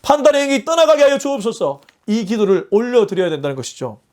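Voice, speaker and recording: A man's voice: very high-pitched, animated, fast, a little mellow. A male pastor giving a morning sermon, reading scripture verses and explaining them earnestly in plain, everyday terms. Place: church or small studio for an online morning service.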